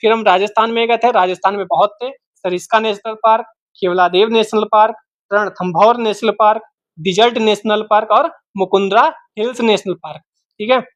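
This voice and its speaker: A man's voice: high voice, fairly even intonation, moderate pace, a bit bright, no room sound. A man teaching an exam-prep geography lesson, repeating each name several times and quizzing the listener as he goes. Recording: dull, dry, lo-fi home recording.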